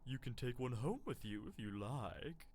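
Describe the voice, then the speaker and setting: A man's voice: medium pitch, sing-song, moderate pace, darkish tone, slight background noise, close to an everyday voice. A man voicing a cozy, doting shopkeeper in a game, chatty, sweet and gushing. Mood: dreamy, gushing.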